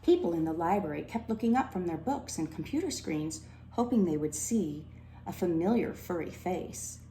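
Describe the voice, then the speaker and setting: Low, mellow woman reading a storybook. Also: animated, normal speed. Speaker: storybook reader. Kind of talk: expressive children's read-aloud narration. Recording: roomy echo, faint background noise.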